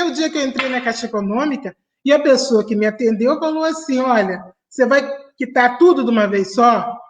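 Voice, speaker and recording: Laughing Rio de woman telling her story. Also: sits high. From Niterói, Brazil. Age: middle-aged. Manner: chatty, laughs between sentences. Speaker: panelist, family doctor. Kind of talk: personal storytelling in an online debate. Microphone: video call.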